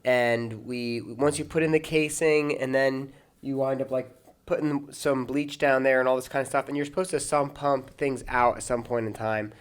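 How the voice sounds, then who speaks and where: A man's voice: medium pitch, fairly even intonation, moderate pace, clear, resonant tone. A man, an American pastor and podcast host, telling long anecdotes in casual chat, with many restarts and bursts of laughter.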